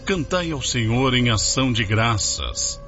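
A man's voice: medium pitch, animated, unhurried, pushed and bright. A man announcing a church radio program in a solemn, inviting way, over a dull lo-fi recording with music behind.

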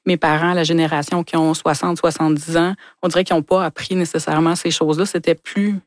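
Flat-toned Quebec French woman in her forties. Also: deep voice, quick pace, dry recording, clean studio sound. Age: 40s. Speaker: guest expert. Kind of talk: answering interview questions. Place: studio.

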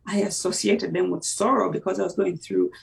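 A gravelly, medium-pitched voice with fairly even intonation, recorded far from the mic, belongs to an interview guest from Uganda whose first language is Luganda. He gives a personal faith testimony in conversation. He speaks haltingly and reflectively, with many fillers and restarts.

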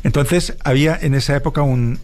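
A man from Barcelona speaks with a Spain Spanish accent as a guest author in an interview. His voice sits at a middle pitch. He talks in a relaxed, reflective way and often tags his sentences with a questioning "right?". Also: brisk. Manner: reflective, with frequent tag questions. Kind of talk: relaxed explanatory interview talk.

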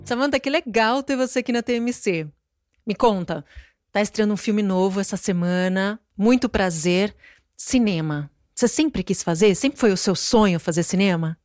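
A woman's voice: mid-range voice, normal speed, darkish tone, dry recording, studio quality, soft background music. A woman interviewing a guest on TV, asking friendly, enthusiastic questions.

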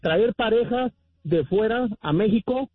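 A man's voice: sits high, lively intonation, unhurried, no echo, faint music behind. A Mexican man calling in to a radio show, opinionated and preachy, often addressing the hosts as "muchachos". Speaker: caller. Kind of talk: phone-in rant. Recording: tinny phone line.

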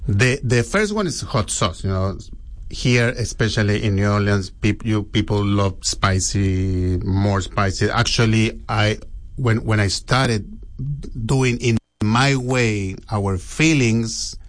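A man from Chile with a Chilean Spanish accent, a restaurant cook speaking in an interview, halting and often restarting, saying "you know" a lot. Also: lowish voice.

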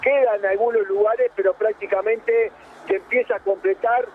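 A man's voice: high-pitched, fairly even intonation. An Argentine man reporting live from a stadium and chatting with arriving fans. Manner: chatty, quick questions to fans. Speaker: field reporter. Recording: tinny phone-line feed with noise.

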